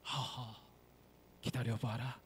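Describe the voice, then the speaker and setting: A slow, solemn mountain spirit, as a man puts him on. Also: mid-range voice, level tone, slight background noise, voice pushed down, close to an everyday voice. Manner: slow, drawn-out, stately speech.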